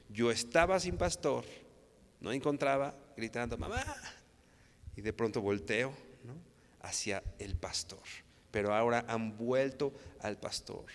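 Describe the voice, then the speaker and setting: A Mexican man preaching a sermon in a smooth, resonant voice. He talks earnestly, repeats himself and trips over restarts. Long reverb trails behind him, as in a large church hall. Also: medium pitch. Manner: earnest, repetitive, stammers and restarts, frequent tag questions.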